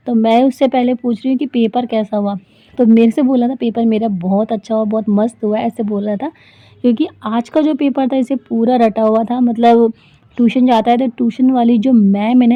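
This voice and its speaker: In a dry, thin recording that sounds phone-made, a woman in her thirties speaks in a fairly high voice. She's a vlogger and homemaker giving a casual voice-over that wanders along, heavy on fillers.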